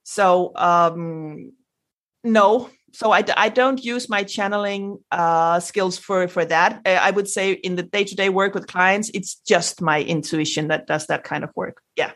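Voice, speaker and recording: On a podcast interview with sound effects, a spiritual guest from Denmark speaks animatedly in a fairly low, slightly bright voice at a measured pace. Danish is her native language and she has a Danish accent. Her speech is marked by frequent restarts and fillers.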